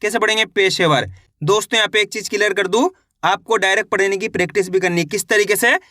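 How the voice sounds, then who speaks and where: A man's voice: high-pitched, fast talker, sharp tone, no room sound, clean studio sound. A man teaching a reading lesson, sounding out each word one syllable at a time and then blending it, in a patient and encouraging way.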